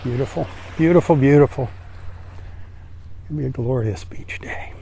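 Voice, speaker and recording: An older man giving relaxed, admiring commentary on a live-streamed beach walk, recorded outdoors on a phone he carries. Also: medium pitch, normal speed, vocal fry, slight background noise. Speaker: vlogger walking the beach. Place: outdoors on a sandy beach by the sea. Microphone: phone held while walking.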